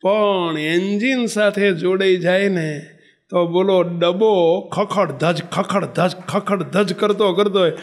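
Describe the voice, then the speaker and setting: High-voiced, animated male preacher. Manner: animated, chants drawn-out ecstatic exclamations; addresses listeners directly. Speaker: spiritual leader giving a discourse. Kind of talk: devotional sermon storytelling.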